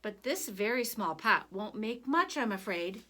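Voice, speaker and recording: A woman voicing a wise old male monk in a storybook, calm, measured and instructive. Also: mid-range voice.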